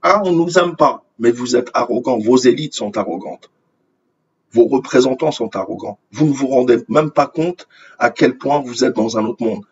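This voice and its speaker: Reading news articles aloud, an online commentator from Algeria whose first language is Arabic voices indignant opinions and repeats phrases to drive his points home. He speaks at a normal speed with a medium-pitched voice, on a lo-fi recording carrying a slight hiss or hum.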